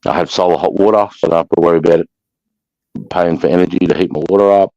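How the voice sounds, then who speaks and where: Deep-voiced blokey Australasian man, slangy. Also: fairly even intonation, quick pace, warm tone, dry recording. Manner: blokey, slangy, swears freely. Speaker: host of a live chat. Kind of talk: casual chat. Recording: dull lo-fi sound.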